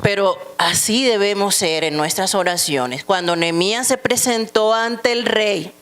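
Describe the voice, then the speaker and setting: A woman's voice: mid-range voice, measured pace, a bit bright, clear, resonant tone. A woman teaching a church Bible lesson, asking the class questions and reading scripture aloud.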